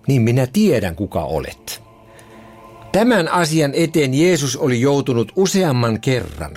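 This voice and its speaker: A man's voice: mid-range voice, a little mellow. Male devotional speaker, reflective and explanatory, faint music bed. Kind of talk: devotional commentary.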